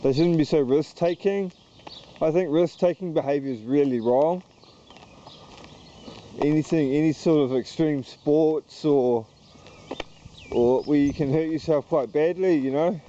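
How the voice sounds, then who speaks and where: A YouTuber with a New Zealand accent rambles through a walk-and-talk vlog, strolling around town outdoors and talking to the camera. His voice is a little high and warm, and his delivery is hesitant, halting, slow and wandering. The recording sounds lo-fi, with slight background noise.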